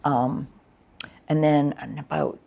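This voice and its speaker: A woman's voice: deep voice, fairly even intonation, slow pace, creaky, mellow. An older woman, chatting frankly in an interview and reminiscing about her arts work, with plenty of ums. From Canada. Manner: candid and frank, chatty with many fillers. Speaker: interviewee, former arts coordinator. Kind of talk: reflective interview chat.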